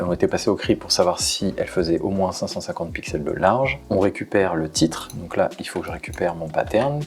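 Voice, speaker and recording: A man walking through a software automation tutorial on screen, thinking aloud as he clicks and often saying "hop" and "ok". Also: low voice, creaky. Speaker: tutorial presenter.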